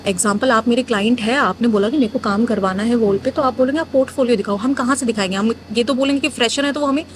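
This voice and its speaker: A woman's voice: on the high side, quick pace, background noise. A young woman from northern India, a muralist, telling her story frankly in a casual interview, mixing Hindi with English. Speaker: muralist guest.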